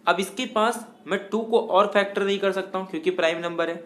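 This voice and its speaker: High-voiced man teaching math. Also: fairly even intonation, brisk, a bit bright. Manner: explains step by step, asks and answers own questions; mixes English math terms into Hindi. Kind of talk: classroom lecture.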